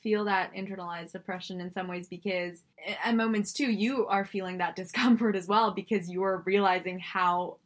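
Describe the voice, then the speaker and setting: A woman from Singapore, in the middle of her usual pitch range, chatting casually as a co-host. She speaks in a reflective way and often reaches for "like" as she gathers her thoughts. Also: steady tone, moderate pace, hardly any pauses. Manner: reflective, many "like" fillers. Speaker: podcast co-host. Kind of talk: casual conversation.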